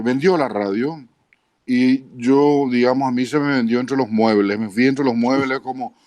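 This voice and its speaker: A man in his fifties with a Paraguayan Spanish accent, a trained broadcaster telling his career story as an interview guest, with clear diction and a measured way of talking. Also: medium pitch, darkish tone, no echo. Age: 50s. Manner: measured, tags lines with a questioning aside.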